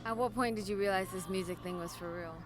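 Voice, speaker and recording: High, fast-talking male interviewer. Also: over music. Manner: brief casual questions and quick reactions. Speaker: interviewer host. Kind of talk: interview questions.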